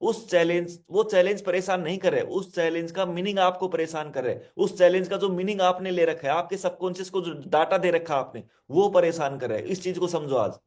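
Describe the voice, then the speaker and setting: A man's voice: high voice, fairly quick, few pauses, darkish tone. A male hypnotherapist giving a self-help lesson, speaking directly to listeners, repeating his instructions and explaining with simple word examples.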